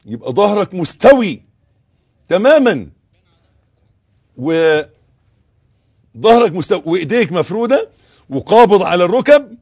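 A man with an Egyptian Arabic accent, giving a religious lesson on prayer and recitation, who corrects mistakes and demonstrates with slow, soft recitation. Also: high voice, sing-song, highs cut off. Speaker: religious teacher. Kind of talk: instructional talk on prayer and recitation.

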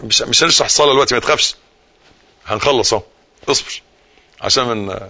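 A man with an Egyptian accent giving a live religious lesson, repeating key phrases and dropping from forceful emphasis into hushed tones. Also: medium pitch, fast, dull audio. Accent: Egyptian Arabic. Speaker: religious teacher.

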